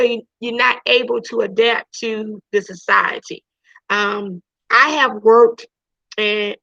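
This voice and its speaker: Teaching her online class from home over a video call, a woman chats casually, restarting sentences often and saying "you know" a lot. Her voice is loud and fairly high, with no room sound, and the call audio is dull and lo-fi.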